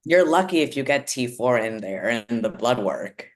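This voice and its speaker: A woman, a physician assistant, talking as a guest in a casual podcast conversation, animated and acting out her reactions. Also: a bass voice, moderate pace. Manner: animated, acts out reactions with "like" asides.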